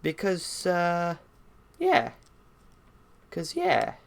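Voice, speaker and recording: A man's voice: mid-range voice, steady tone, measured pace, a bit bright, clear, resonant tone. Rambling young male streamer. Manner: rambling, self-deprecating. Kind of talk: casual game stream commentary.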